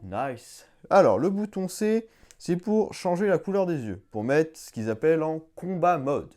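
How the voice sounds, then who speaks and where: A young man casually demonstrating a gadget, chatty and hands-on, with the odd swear, sounding out English voice commands slowly and with effort. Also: on the high side, very animated, mellow. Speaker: YouTuber reviewing a collectible. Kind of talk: casual product demo.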